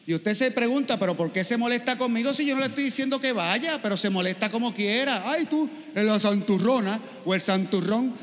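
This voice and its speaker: A man preaches in a high voice, telling stories and acting out what people say to him. His sermon rings with the long reverb of a church. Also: a bit bright. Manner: storytelling with acted quotes and rhetorical questions. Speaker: priest.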